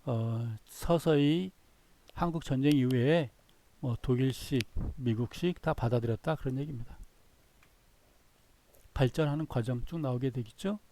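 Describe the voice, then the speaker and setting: A man's voice: medium pitch, normal speed, long pauses, warm tone, a little hiss or hum. A man giving a recorded business lecture, reading through slides in short phrases and often repeating himself.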